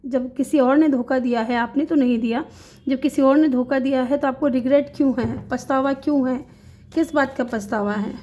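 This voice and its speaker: A woman reads tarot for an online audience in a high, light voice. She speaks reassuringly, turning to the listener again and again with short checks of agreement. Her talk mixes in English terms as she explains each card. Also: fairly even intonation, normal speed, warm tone. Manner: reassuring, repeats short check-ins to the viewer; mixes English words into Hindi speech. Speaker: tarot reader. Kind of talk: tarot reading addressed to viewers.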